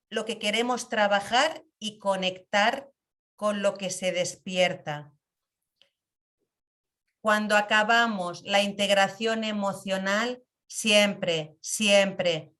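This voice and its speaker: A middle-aged woman with a Spanish accent from Spain teaching a reflective talk on emotions, slow and thoughtful, sometimes acting out quoted dialogue. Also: medium pitch, sharp tone.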